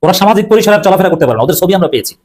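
Man, rapid delivery, slightly raised pitch, emphatic opinionated commentary, fillers, self-corrections. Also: expressive, darkish tone. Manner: emphatic, repetitive, combative. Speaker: political commentator.

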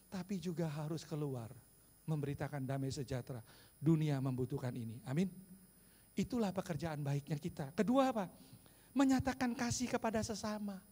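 A man preaching a lively sermon, often turning to ask the congregation questions. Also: on the high side, normal speed, husky. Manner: animated preaching, calls to the congregation. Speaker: pastor. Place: large church hall. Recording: long church hall reverb.

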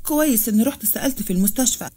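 A woman's voice: on the high side, expressive, rapid-fire, mellow. A woman voicing a calculating, scheming woman with an Egyptian accent, reading in a storybook tone. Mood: smug.

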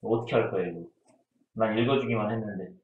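A man's voice: lowish voice, quick pace, phone-quality sound. A man teaching history in a casual exam-prep lecture, who asks his students questions and answers them himself. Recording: roomy echo.

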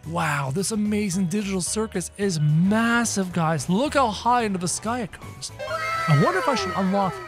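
A man doing excitable game commentary for viewers, exclaiming as he plays. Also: high voice, normal speed, faint music behind. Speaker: gaming YouTuber.

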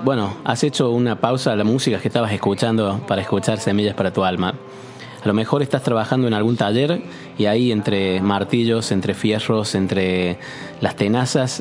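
Low-voiced Argentine radio host. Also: male voice, steady tone, moderate pace, faint music behind. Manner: warm direct address to the listener, encouraging.

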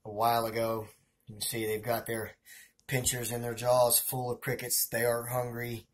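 A man's voice: medium pitch, little pitch movement, moderate pace. A man with a Southern US accent narrating a casual feeding video as a hobbyist keeper, chatty and rambling, talking to viewers as guys. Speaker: hobbyist scorpion and tarantula keeper.

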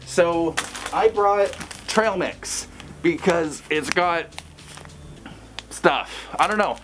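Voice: medium pitch, fairly bright tone, slight background noise. A fursuiter giving casual vlog advice from inside a costume head. The voice is muffled and chatty, with dry, sarcastic asides. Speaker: fursuiter vlogger.

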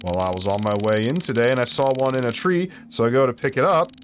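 A man's voice: medium pitch, fast talker, soft background music, close to an everyday voice. A man voicing a friendly old classmate sending chat messages, in a chatty, upbeat manner.

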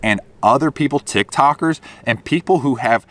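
A man's voice: mid-range voice, normal speed. A man on a boat delivers an opinionated monologue to camera, explaining emphatically with rhetorical questions and repeated points. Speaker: fishing content creator. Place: on a boat, outdoors.

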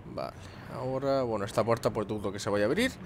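A man's voice: on the low side, quick pace, creaky, background noise. A young man, commenting on his gameplay, muttering to himself and swearing. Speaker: gameplay host. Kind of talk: let's play commentary.

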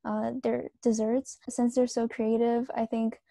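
Gravelly, mellow teen girl. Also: on the high side, little pitch movement, measured pace, no room sound, studio quality. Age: teens. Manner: gushing, with fillers. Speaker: student bakery team member. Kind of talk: casual interview.

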